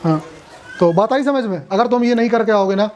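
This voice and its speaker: A man's voice: sits high, a little fast, darkish tone. A man teaching a classroom lecture at a coaching class, chatty, joking and often asking students questions.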